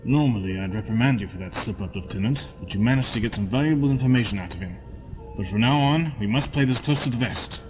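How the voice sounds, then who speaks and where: In an audio drama, a man plays a stern, suspicious army colonel, clipped, brisk and commanding. He has a medium pitch, talks fast and sounds close to an everyday voice. The recording is dull lo-fi with loud music behind him and slight background noise.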